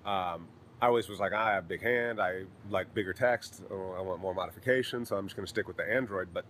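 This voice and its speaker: Laid-back low-voiced man hosting. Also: fast talker, slight background noise. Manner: relaxed, many "uh" fillers. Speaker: podcast host and stand-up comic. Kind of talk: casual podcast chat.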